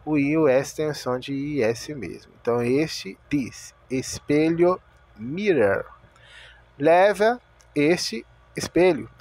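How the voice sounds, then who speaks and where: A man's voice: a little high, slow, darkish tone. A man giving a video lesson, patiently repeating each word and spelling out its sounds. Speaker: English teacher. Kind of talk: slow explanatory video lesson.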